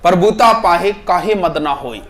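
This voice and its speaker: A man's voice: high-pitched, a little slow, a bit bright, slight background noise. A man with a Rajasthani accent teaching a class, repeating each proverb and explaining it in a chatty style with local dialect and jokes for the students.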